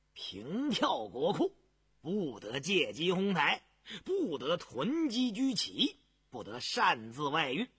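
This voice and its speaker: A man voicing a fawning, nervous imperial grain official who grovels and stammers, with a husky voice. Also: fairly high pitch, bright, forceful tone, no echo, clean studio sound, heavily acted. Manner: obsequious, stammering when flustered.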